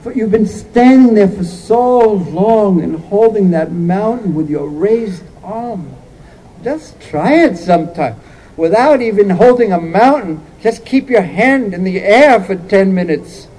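A man's voice: high voice, expressive, unhurried, warm tone, a little hiss or hum, low-quality recording. A man voicing the loving, anxious mother Yashoda, quoting her pleading words during a sermon. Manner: pleading, heartfelt storytelling quotes.

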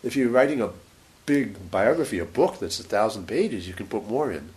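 A man giving a scripture lecture as a religious teacher, short of breath, halting and pausing mid-sentence. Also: on the low side, lively intonation, a little mellow. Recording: faint background hiss.

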